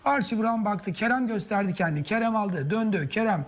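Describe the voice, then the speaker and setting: A man's voice: sits high, lively intonation, a little fast. An impassioned man in live football co-commentary. He openly backs his team, following each pass and urging players on in short, repeated bursts.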